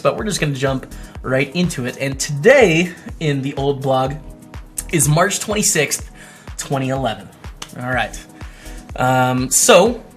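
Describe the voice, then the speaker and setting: This man's voice runs on the high side and sounds a bit bright. He's a poker streamer hosting a laid-back vlog, reading his old blog posts aloud with wry, chatty asides.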